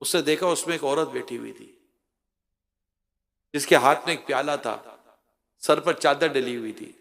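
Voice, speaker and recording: A man delivering an emotional sermon, telling a story with dramatic swings between loud cries and hushed lament, repeating words for emphasis. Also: medium pitch, unhurried, creaky. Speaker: preacher.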